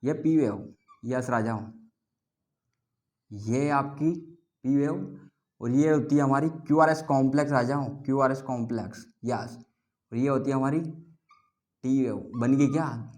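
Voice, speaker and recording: A male biology teacher giving a lively classroom lecture, drilling students to repeat terms back to him and teasing them playfully, mixing with terms. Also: mid-range voice, unhurried, pauses often. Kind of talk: classroom lecture with call-and-response.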